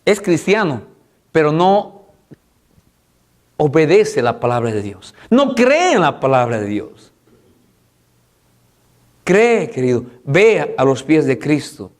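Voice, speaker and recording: A man's voice: big pitch swings, takes it slowly, long pauses. Impassioned male pastor preaching. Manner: impassioned preaching with repeated rhetorical questions and call-and-response; swings between loud high exhortation and low soft passages. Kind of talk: sermon.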